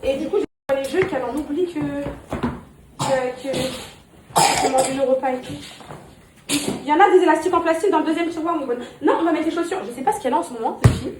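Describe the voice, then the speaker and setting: Young mom chatting to her phone in an echoey kitchen, high voice, rambly, lots of restarts. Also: a little fast. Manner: rambling, animated, with many restarts; coos affectionately to her children. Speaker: vlogger and mother. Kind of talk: casual vlog chat to viewers. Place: home with kitchen. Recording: echoey room with background noise.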